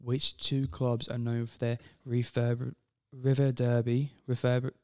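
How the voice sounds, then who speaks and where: A man with a gravelly edge to his voice, co-hosting a casual podcast. He reads quiz questions aloud in a playful, joking way and chats loosely with his co-host. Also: mid-range voice, monotone, a little slow, mellow. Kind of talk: casual chat.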